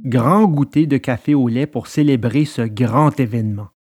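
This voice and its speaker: A man narrating a children's storybook episode with expressive delivery. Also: medium pitch, moderate pace, husky. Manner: expressive, lively. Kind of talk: storybook reading.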